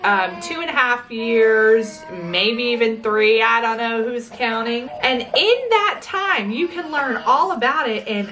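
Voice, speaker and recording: A woman's voice: on the high side, measured pace, hardly any pauses, background noise. A woman in her thirties with a Texas accent, co-hosting a casual couple's chat in a playful, teasing way. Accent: Texan. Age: 30s. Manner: playful, teasing, laughs often. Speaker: co-host.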